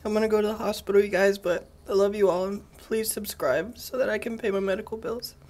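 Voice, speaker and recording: A young man in his twenties doing a dry, deadpan comedy food review into a close-held phone camera indoors. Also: high voice, fast talker. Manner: dry, deadpan, crude humor. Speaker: comedy vlogger. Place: small indoor laundromat by a window.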